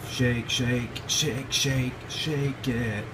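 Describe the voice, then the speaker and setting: His mid-range voice is fairly even and very slow as he hosts a casual, humorous amateur cooking vlog from his kitchen at home. A handheld phone or camera picks him up, leaving plenty of noise in the recording.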